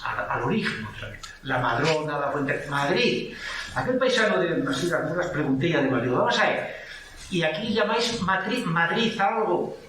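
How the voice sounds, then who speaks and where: A man's voice: on the high side, a bit bright, a little hiss or hum. A man with an Asturian Spanish accent giving a rambling, anecdotal talk on place names at a book presentation. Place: lecture hall. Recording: echoey hall from far off.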